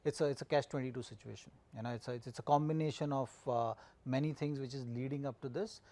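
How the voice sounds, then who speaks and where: A man analysing cricket as a pundit, circling his points haltingly with repeated phrases. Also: medium pitch, steady tone, mellow. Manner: halting, repetitive phrasing with frequent "you know". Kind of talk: studio match analysis.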